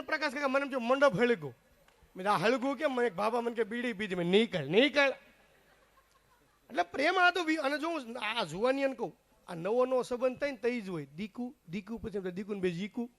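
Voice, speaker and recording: A man's voice: very high-pitched, animated, fast talker, fairly bright tone. A man doing live stage comedy, chatting straight to the crowd. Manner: chatty, addresses the crowd directly. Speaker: stand-up comedian and mimic.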